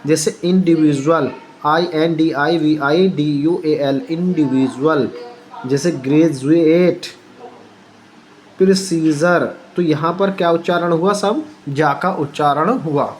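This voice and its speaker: A man's voice: fairly high pitch, slow pace, slight background noise. A male teacher giving a spoken pronunciation lesson, spelling words out letter by letter and asking the viewer to repeat each answer.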